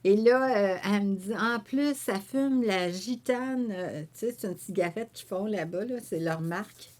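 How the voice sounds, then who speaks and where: A woman with a Québécois French accent, a painter and author telling a story in an interview. She acts out her own quoted remarks and fills pauses with "euh" and "tu sais.". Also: medium pitch. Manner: animated storyteller who voices her own quoted remarks, with frequent fillers. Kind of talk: conversational storytelling.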